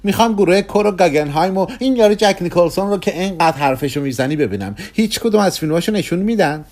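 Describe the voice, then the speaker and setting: A man voicing a giddy, dreamy young woman from a novel, excited and breathless. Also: high voice, pitched above the performer's own voice.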